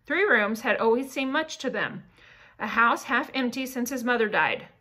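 Bright-voiced woman reading a novel aloud. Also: fairly high pitch, expressive, low-quality recording. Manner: measured, careful reading. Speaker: audiobook reader.

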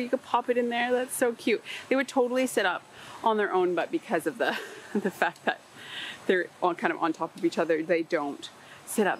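A woman's voice: mid-range voice, a little hiss or hum, rough recording. A woman in a large warehouse store, chatting casually as she reads product labels aloud for a shopping vlog. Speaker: shopping vlogger.

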